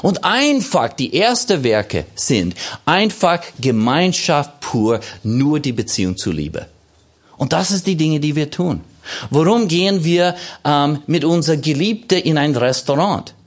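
A man's voice: fairly high pitch, big pitch swings, measured pace. A man preaching a sermon as pastor, stressing his points by repeating phrases and by asking questions and answering them himself.

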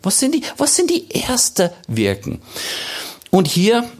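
A man's voice: sits high, huge pitch swings, slow pace. A man preaching a sermon as pastor, stressing his points by repeating phrases and by asking questions and answering them himself.

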